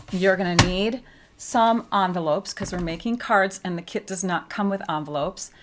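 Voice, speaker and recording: A woman's voice: mid-range voice, a bit bright, a little hiss or hum. A woman giving a casual paper-craft tutorial, chatty and explaining each step with frequent fillers.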